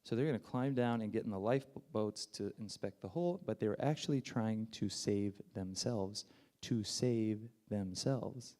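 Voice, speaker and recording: A man's voice: lowish voice, a little slow, mellow. A man preaching a sermon with emotion, building to fervent peaks and falling back to near whispers.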